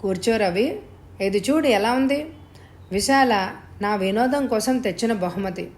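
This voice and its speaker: A woman's voice: mid-range voice, unhurried, darkish tone, close to an everyday voice. A woman reading the part of an older wealthy lady who speaks in an earnest, confiding way in an audio story.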